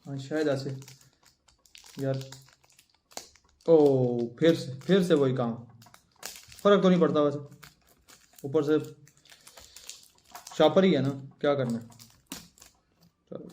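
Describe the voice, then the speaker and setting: A man's voice: a little high, long pauses, warm tone, echoey room. A man chatting casually as he unboxes and sniffs perfumes at home, thinking aloud as he handles each bottle, recorded on a phone with a plug-in mic. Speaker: perfume reviewer. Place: at home, indoors. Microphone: phone with plug-in USB-C mic.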